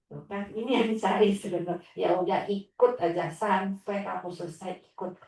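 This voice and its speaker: A woman's voice: medium pitch, normal speed, creaky, a little mellow. A woman religious teacher sharing stories about her students, acting out a child's whiny replies. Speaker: Islamic teacher. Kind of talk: inspirational sharing talk. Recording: echoey room, distant mic.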